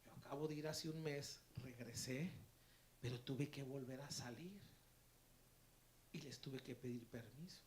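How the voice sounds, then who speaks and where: A man preaching a sermon as pastor, telling stories and moving from hushed asides to loud, excited preaching in a church. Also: mid-range voice, a little slow, pauses often, a little hiss or hum. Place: church sanctuary.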